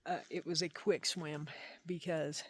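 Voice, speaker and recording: Mid-pitched hiker, halting casual trail diary. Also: little pitch movement. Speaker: backpacker vlogging a long trail hike. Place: outdoors at a campsite by a wilderness lake.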